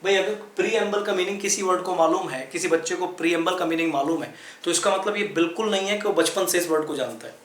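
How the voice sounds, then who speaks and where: A man's voice: high voice, quick pace, a bit bright, roomy sound. A man teaching English vocabulary in Hindi, explaining patiently and spelling words out letter by letter. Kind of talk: explaining lesson in Hindi at a chart.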